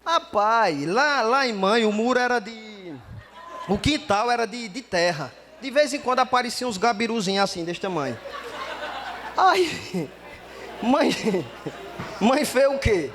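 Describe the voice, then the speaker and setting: High-voiced comedian. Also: male voice, unhurried, a faint crowd, a little hiss or hum. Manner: lively storytelling, acts out dialogue. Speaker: stand-up comedian. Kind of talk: stand-up comedy storytelling.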